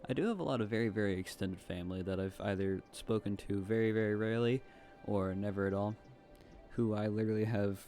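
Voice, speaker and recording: This gaming YouTuber is a young Southeastern American man whose light Southern accent comes through as he chats and rambles over gameplay, dropping fillers and side comments. His voice is lowish, quick, and mellow, with faint music playing underneath.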